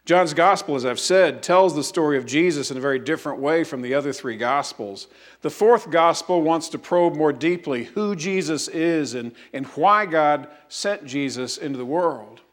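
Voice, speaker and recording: Pastor preaching a sermon, man. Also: on the high side. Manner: storytelling, animated quotes, slow emphatic repetition.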